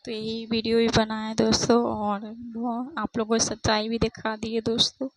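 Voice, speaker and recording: A young woman talks into her phone at home during a casual vlog, her voice pitched a little high. She keeps repeating herself in a fearful way as she addresses her viewers. A faint hiss sits under the recording. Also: completely flat delivery, moderate pace. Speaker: vlogger. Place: home at night.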